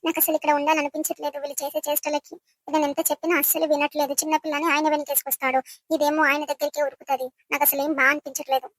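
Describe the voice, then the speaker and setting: A woman's voice: high voice, flat delivery, very fast, a bit bright. A woman voicing a hurt, sulking young wife in a village comedy skit, complaining about her husband. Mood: aggrieved. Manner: complaining, aggrieved.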